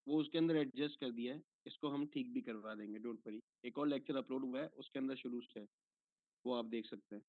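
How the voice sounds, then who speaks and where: A man explaining things to a student over a call, stopping after each point to make sure he is followed. His voice comes through a tinny, narrow phone-like line with no room sound around it. He speaks at a middle pitch. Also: a little fast, no room sound. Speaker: online course instructor. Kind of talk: answering a student's questions on a call.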